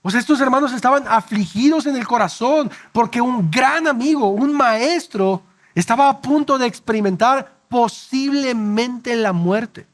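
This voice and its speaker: A man preaching a sermon as pastor, speaking earnestly and directly to the congregation, dropping soft and slow at emotional peaks. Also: very high-pitched.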